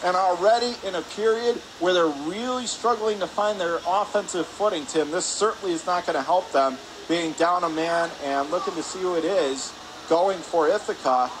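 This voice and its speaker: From the spectator area of an indoor ice rink, a man calls live hockey play-by-play for radio. His voice is high and his pace moderate, with a noisy arena hum running behind him.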